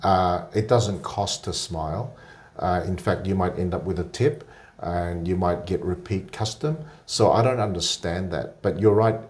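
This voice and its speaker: A man's voice: low-pitched, a little slow, darkish tone. A man speaking as a guest on a casual interview podcast, explaining things steadily with frequent filler sounds.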